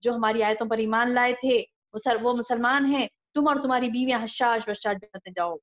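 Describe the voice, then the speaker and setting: A woman giving a religious lesson, explaining scripture verse by verse, rising when she quotes and dropping low for asides. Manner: expressive, rises when quoting verses, drops low for asides. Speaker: Quran teacher. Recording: dull lo-fi recording.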